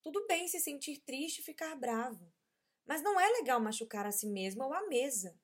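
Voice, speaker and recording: A woman voicing a patient, gentle mother in a children's story, speaking in a soothing, coaxing way. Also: high voice, big pitch swings, moderate pace, voice pushed up.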